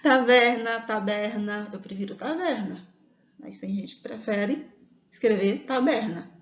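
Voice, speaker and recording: A woman's voice: medium pitch, lively intonation, a little slow, a little mellow. A woman with a Brazilian accent teaching an online grammar lesson, patiently explaining and often checking in with her listeners. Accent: Brazilian Portuguese. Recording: echoey room, dull lo-fi sound.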